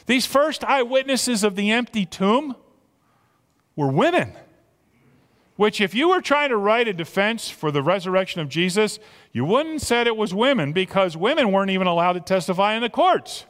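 A man preaching an Easter sermon as pastor, impassioned, swinging from loud emphasis to hushed near-whispers. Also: sits high. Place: church sanctuary. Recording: long reverb of a church hall.

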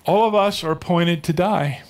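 A middle-aged man preaches a sermon from the pulpit, his voice pitched a little above the usual male range. He retells a story and keeps turning to the congregation with rhetorical questions. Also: moderate pace. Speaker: pastor.

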